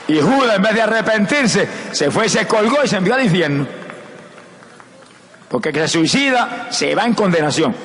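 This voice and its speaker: Fervent preacher man in a reverberant hall. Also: sits high. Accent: Puerto Rican Spanish. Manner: fervent, swings between hushed sorrow and rising exclamations. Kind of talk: evangelistic sermon.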